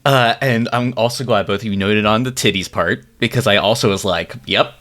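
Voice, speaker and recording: A man's voice: fairly low pitch, fairly quick, a bit bright. A man in his thirties co-hosting a music podcast, playful and laughing through his sentences. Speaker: podcast co-host. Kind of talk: casual chat.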